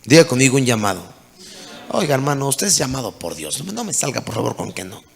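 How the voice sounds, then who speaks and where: A man's voice: medium pitch, sing-song, fast, vocal fry. A man preaching a sermon as pastor, calling out to the congregation with mounting intensity. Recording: long hall reverb.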